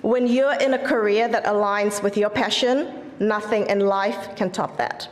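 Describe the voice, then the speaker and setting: Earnest woman presenting an award, encouraging tone, boomy hall echo. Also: fairly even intonation, a little slow. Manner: earnest, encouraging, opens with a formal greeting in Māori. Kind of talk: prepared award speech. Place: large event hall. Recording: echoey hall with long reverb.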